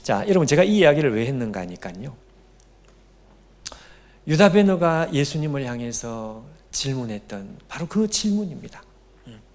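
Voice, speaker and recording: A man's voice: mid-range voice, very animated, normal speed, long pauses, darkish tone. A middle-aged man, a pastor preaching a sermon at a youth retreat, who animatedly addresses the congregation directly.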